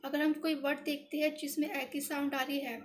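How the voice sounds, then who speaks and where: Thinking aloud while she writes, a shorthand tutor patiently walks through each step, repeating herself and speaking English words with an Indian accent. Her voice sits high with little pitch movement and a fairly quick pace, and there's a little hiss or hum.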